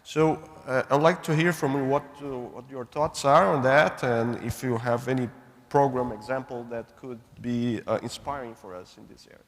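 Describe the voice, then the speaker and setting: A man's voice: medium pitch, steady tone, moderate pace, slight background noise. A man moderating a roundtable, polite and hesitant with many fillers. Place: large conference hall. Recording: reverberant hall.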